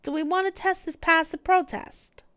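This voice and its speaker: A woman's voice: very high-pitched, steady tone, moderate pace, a bit bright, slight background noise, pitched above the performer's own voice. A woman voicing a defiant, sulky male student in visual novel game dialogue, cocky and pouting.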